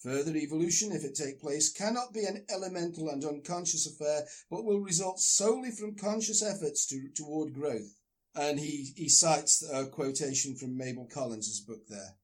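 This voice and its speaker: A man talking over a call with a fairly high voice. He discusses a book casually, then slides into emphatic, profane rants, piling up his points. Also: moderate pace. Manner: ranting, emphatic, swears freely. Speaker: discussion partner.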